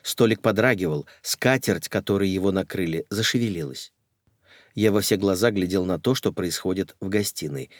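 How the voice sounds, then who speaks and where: A man's voice: low-pitched, normal speed, no room sound, studio quality. A man narrating a first-person comic audiobook in a wry, ironic storytelling manner.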